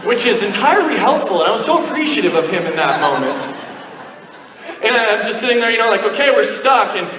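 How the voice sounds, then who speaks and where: A man with a high voice preaching in a church sanctuary, spinning a lively, self-mocking story. His voice rings through a big echoing hall, picked up from some way off the mic. A faint hiss sits underneath. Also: a little fast, a faint crowd. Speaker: pastor. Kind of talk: storytelling sermon. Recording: echoey hall, mic from far off.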